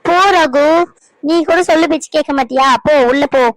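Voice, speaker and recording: A woman plays an anxious mother in a cartoon drama. She pleads in a high, soothing voice. The studio sound is close and dry. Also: steady tone, moderate pace, dry recording, faint music behind, rough recording. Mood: pleading. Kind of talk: cartoon dub acting.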